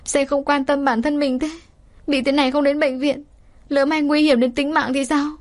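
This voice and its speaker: A woman's voice: high voice, level tone, a little fast, pitched above the performer's own voice, natural voice. A woman voicing a worried young woman who pleads and scolds through tears. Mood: pleading. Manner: pleading then scolding, tearful.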